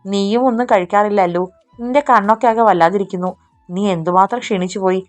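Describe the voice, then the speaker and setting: Worried, gentle young man read by a woman in an audiobook; soft, pleading delivery. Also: mid-range voice, quick pace, faint music behind, close to an everyday voice. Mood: tender worried.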